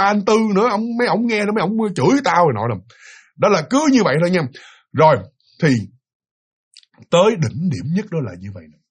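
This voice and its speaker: A man's voice: on the high side, breathy edge. A man telling a ghost story in a rambling, repetitive, chatty way. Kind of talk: casual spoken ghost story.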